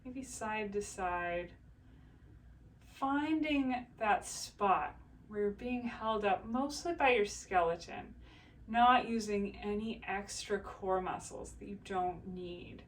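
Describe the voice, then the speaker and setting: Calm woman voice teacher talking you through breathing, real slow, bit far from the mic w faint hiss behind. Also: mid-range voice. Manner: calm, slow, soothing instruction. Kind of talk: guided breathing exercise.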